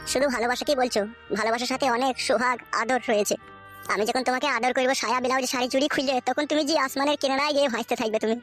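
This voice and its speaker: A woman's voice: high voice, steady tone, racing, a bit bright, faint music behind, pitched below the performer's own voice. A woman voicing a sweet-talking, lewd young man from a village in a cartoon, wooing in a syrupy, flowery way. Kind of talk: cartoon voice acting.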